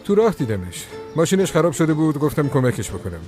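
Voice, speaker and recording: An actor voicing a self-assured, calm young man in a dubbed TV drama. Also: on the high side, faint music behind. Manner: cool, measured and a little condescending.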